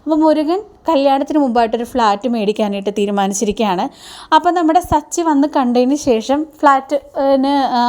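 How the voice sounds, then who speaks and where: Chatty serial-recap host, a woman with a high voice, telling the plot like gossip to a friend. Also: a little mellow. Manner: chatty, addresses listener with tag words. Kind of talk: casual episode retelling.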